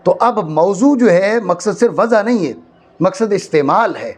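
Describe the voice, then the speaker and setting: A man from Pakistan teaching a classroom lecture, often stopping to check that students follow and slowly repeating key phrases for stress. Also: high voice, animated, darkish tone. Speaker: teacher of Arabic grammar. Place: madrasa classroom.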